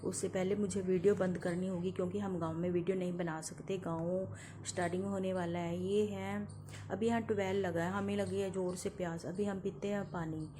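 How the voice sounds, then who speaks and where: A woman's voice: lowish voice, little pitch movement, brisk, background noise. A woman chatting casually as she walks through village fields, filming on her phone and pointing things out as she goes. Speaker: vlogger. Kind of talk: casual walking vlog narration. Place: outdoors among village fields.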